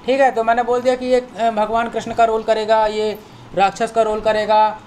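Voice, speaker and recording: A man's voice: high-pitched, completely flat delivery, normal speed, a little mellow, a little hiss or hum. Patient man teaching vocabulary. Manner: patient, repeats words and checks understanding; spells words out letter by letter. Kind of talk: vocabulary lesson for children.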